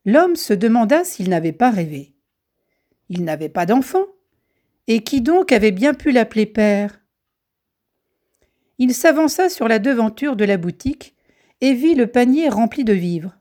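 A woman narrating a folk tale in a gentle, measured way. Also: on the high side, very animated. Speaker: storyteller.

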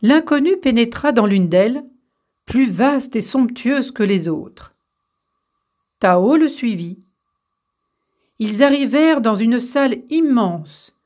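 A woman narrating a fairy tale with a measured, gentle reading style. Her voice sits fairly high, and she takes the story at a slow, unhurried pace.

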